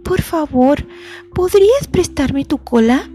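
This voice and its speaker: A sweet little lizard girl from a storybook, begging in a small, high, childlike voice, which a woman acts out. Her tone leaps up and down as she pleads. Soft music plays faintly behind. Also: animated, takes it slowly. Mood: pleading. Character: small young girl lizard who lost her tail, polite and hopeful.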